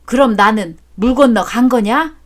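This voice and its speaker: A woman's voice: fairly high pitch, moderate pace, natural voice. A woman voicing a scolding old father-in-law. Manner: loud and scolding. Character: grumpy older male father-in-law, quick to scold.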